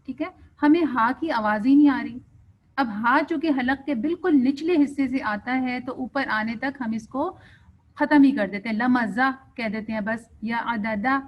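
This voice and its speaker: Brief: female tajweed teacher, somewhat high voice, patient, dull lo-fi recording. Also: a little hiss or hum. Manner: patient, demonstrates wrong and right pronunciation. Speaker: Quran recitation teacher. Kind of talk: tajweed lesson, explaining and reciting. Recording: dull lo-fi sound.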